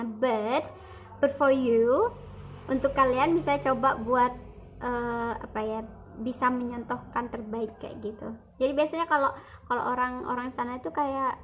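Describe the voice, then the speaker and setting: A woman's voice: high voice, slight background noise. A young woman teaching English in an online video lesson, explaining over slides in a chatty, casual classroom tone.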